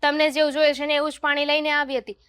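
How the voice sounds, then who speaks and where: A woman's voice: sits high, little pitch movement, fast talker, fairly bright tone, no room sound, studio quality. A woman acting a put-upon young daughter-in-law who answers back sarcastically in a family drama. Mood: sarcastic.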